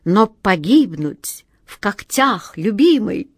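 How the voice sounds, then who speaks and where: A woman's voice: medium pitch, sing-song, slow pace, husky, dry recording, studio quality, full character voice. A woman voicing a male cat stuck as a tiny mouse in a storybook, pleading and squealing. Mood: despairing.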